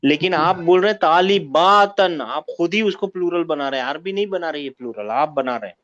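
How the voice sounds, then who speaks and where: A man teaching an online Arabic class, patient and encouraging, calling on students by number and correcting them gently. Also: on the high side, lively intonation, a little fast, lo-fi sound.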